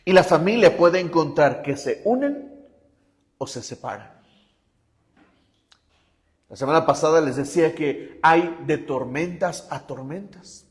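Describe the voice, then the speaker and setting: A man's voice: a little high, lively intonation, measured pace, long pauses, long reverb tail. A male pastor preaching a sermon with emphasis, often asking the congregation whether they follow him.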